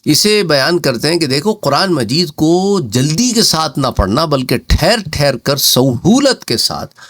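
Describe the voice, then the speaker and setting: Scholar, middle-aged, animated teaching voice, dry close sound, patient explainer. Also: male voice, a little high, dry recording. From Pakistan. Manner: explains patiently with examples, drawn-out recitation. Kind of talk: explanatory religious lecture.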